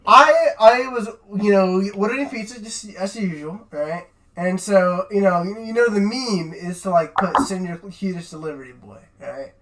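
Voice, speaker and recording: A man's voice: high voice, moderate pace, few pauses, a bit bright. A young man, a podcast co-host, telling a rambling, profane story in casual chat and tagging "right?" onto his sentences.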